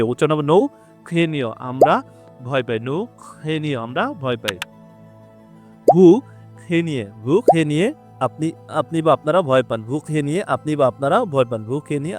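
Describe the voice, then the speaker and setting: A man with a Bangladeshi accent, teaching a language lesson, who explains slowly and repeats each word and its meaning. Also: on the high side. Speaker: French teacher.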